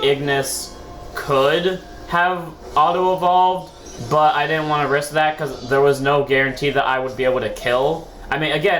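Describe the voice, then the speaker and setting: A man's fairly bright, slightly high voice carries a little hiss or hum as he hosts a gaming video. Sick-sounding with a sore throat, he casually rambles through commentary on his own card game match, correcting himself often and swearing at times, with echo and faint background music in the recording.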